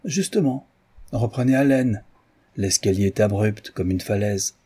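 Man doing a jaunty gallant gentleman rogue. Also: fairly low pitch, measured pace, husky. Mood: playful. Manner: airy, polite, playful.

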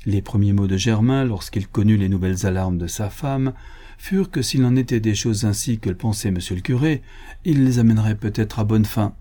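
A man reading an old-fashioned story aloud in a measured, expressive way. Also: on the low side. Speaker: narrator.

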